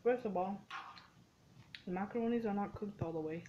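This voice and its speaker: A young woman from a Mexican family chatting casually while cooking, full of "like" and "dude" and quick to say "ew". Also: mid-range voice, highs cut off, a little hiss or hum. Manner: chatty and easily grossed out, lots of "like" and "dude". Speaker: vlogger. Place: dim home kitchen.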